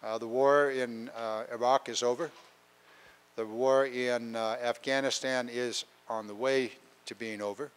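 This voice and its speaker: Older guy on a handheld mic at a town hall, smooth voice, lots of uhs, kinda fed up, coming down with a cold. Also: mid-range voice, fairly even intonation, unhurried. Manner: plainspoken, exasperated, many uh fillers. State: getting a cold. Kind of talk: public town hall talk. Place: large council chamber with an audience.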